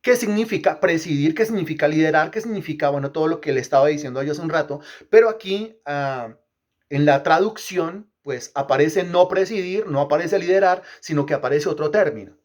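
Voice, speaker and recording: Emphatic preacher man, slightly high voice. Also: fairly quick, a little mellow. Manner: asks the congregation questions and repeats phrases; emphatic, rhythmic repetition. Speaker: pastor. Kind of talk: teaching sermon.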